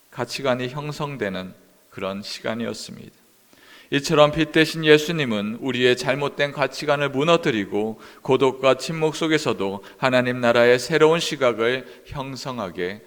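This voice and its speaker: A man preaching a sermon as a pastor, earnest and steady, with his voice dropping at the ends of sentences. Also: medium pitch, big-room sound. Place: church sanctuary.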